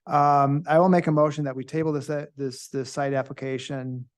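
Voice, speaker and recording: A man's voice: fairly high pitch, flat delivery, brisk, clean tone. A man who is new to the commission, making a motion at a public meeting, tentative, polite and deferential.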